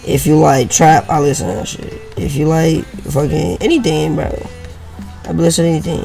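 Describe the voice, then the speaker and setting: A man's voice: on the high side, normal speed, vocal fry, a little mellow, faint music behind, low-quality recording. A young man from Brazil talking like a frat bro in slangy, sweary, casual podcast chat. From Brazil, South America. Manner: frat-bro talk, heavy swearing, "bro" and "you know" tags. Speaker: podcast host.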